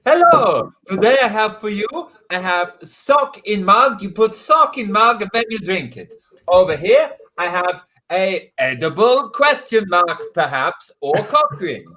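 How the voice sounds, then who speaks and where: A man doing an eccentric high-voiced foreign sous chef. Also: big pitch swings, a little slow, bright, forceful tone, heavily acted. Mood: proud, relishing. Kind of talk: mock shopping channel presenting.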